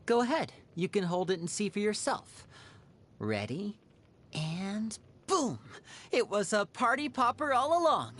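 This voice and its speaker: Lively, playful young magician Lyney. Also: female voice, mid-range voice, a little slow. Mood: showy, playful. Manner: theatrical, teasing, smooth showman. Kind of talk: video game character voice lines.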